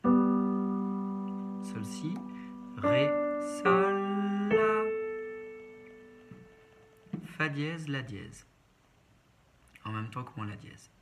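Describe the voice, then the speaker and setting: Speaking extremely slowly with long pauses, a man with a fairly high voice and big pitch swings gives a step-by-step piano tutorial, naming notes one at a time in short phrases. A keyboard piano plays over his voice, and the recording quality is low.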